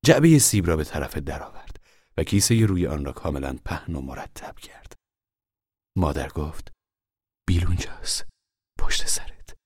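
A man reading a novel aloud as narrator, calm and measured, often dropping to a hush. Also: extremely low pitch, slightly rough, dry recording, clean studio sound. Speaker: audiobook narrator.

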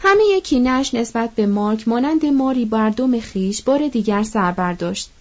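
A woman reading a novel aloud in measured, literary narration. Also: on the high side, lively intonation, muffled recording. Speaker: audiobook narrator.

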